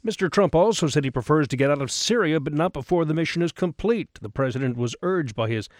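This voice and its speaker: A man's voice: on the high side, animated, fast talker, dry recording, studio quality. A man reading scripted radio news as an anchor.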